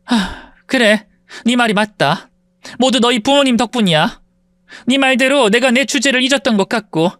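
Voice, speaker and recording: A woman doing a calm, restrained middle-aged woman. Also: a little high, normal speed, no room sound, studio quality, lightly acted. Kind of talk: audio story dialogue.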